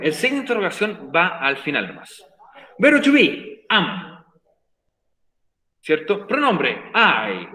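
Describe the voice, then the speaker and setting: Teaching an online English class, this man explains in Spanish with patience, going over points again and checking comprehension with a frequent "ok?". His fairly high, fairly bright voice sounds rough and echoey.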